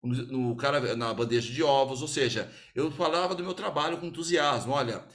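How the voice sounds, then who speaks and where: Brazilian man, sales speaker, upbeat and talky, voice sits a bit high, slips into mini customer scenes. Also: a little fast. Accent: Brazilian Portuguese. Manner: energetic, uses acted-out customer dialogue. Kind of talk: sales talk to a small group.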